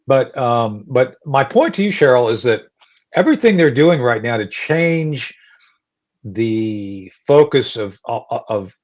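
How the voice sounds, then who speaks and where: A man's voice: medium pitch, very animated, unhurried. A male talk show host chats casually in a joking, rambling way, dropping lots of fillers. His voice sits in the middle of the range, and the recording sounds dull and lo-fi.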